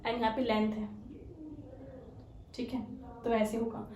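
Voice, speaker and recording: A woman's somewhat high, darkish voice, a little slow and fairly flat in pitch, comes from far off the mic in an echoey room with faint hiss. Teaching an exam-prep chemistry lecture, she goes step by step, asking frequent rhetorical questions, saying "theek hai," and mixing in English technical terms.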